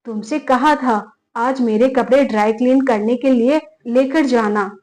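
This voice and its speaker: Woman voicing a shrill, bullying daughter-in-law. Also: unhurried, lightly acted. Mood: angry scolding. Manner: shouting, scolding, threatening.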